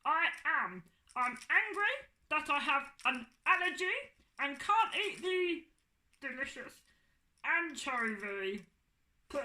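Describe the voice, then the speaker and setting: Woman voicing a puppet boy, squeaky, greedy, bouncy pitch. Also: big pitch swings, pushed and bright, roomy sound, full character voice. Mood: grumpy. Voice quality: squeaky, high cartoonish voice. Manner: silly, greedy, quick to sulk. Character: cheeky hungry puppet creature boy, playful.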